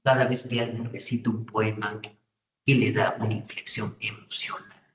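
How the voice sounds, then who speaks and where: A man's voice: lowish voice, little pitch movement, normal speed, a bit bright, recorded from a distance. A man giving a university lecture, often checking in with students with short questions. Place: classroom. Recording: echoey room, voice off-mic.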